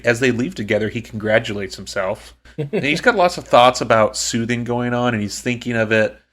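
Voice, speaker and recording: A man's voice: fairly low pitch, a bit bright. A man co-hosting a podcast, recapping a book in a chatty, joking way with lots of ums. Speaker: podcast co-host. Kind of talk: casual book-recap chat.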